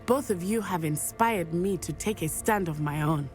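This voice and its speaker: A woman with a lowish, natural-sounding voice speaks at a moderate pace. She's an actress voicing an earnest young student from Matabeleland in a video game, delivering her lines formally and measuredly, and faint music plays under the game audio.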